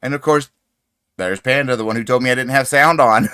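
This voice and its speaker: A man chats through a crochet livestream, calling viewers sweetie and laughing between greetings. His voice sits at a middle pitch. The desk mic gives a dry, close sound with no room around it. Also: a little fast, smooth, no room sound. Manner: chatty, greets viewers warmly, laughs often. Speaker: crochet channel host. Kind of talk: casual livestream chat. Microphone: desk microphone.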